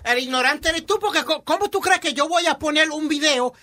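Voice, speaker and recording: Guy arguing on radio, super high piercing voice, repeats himself, spanglish. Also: a little fast, pushed and bright. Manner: argumentative, indignant, repeats himself. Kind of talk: casual radio debate, mixing Spanish and English.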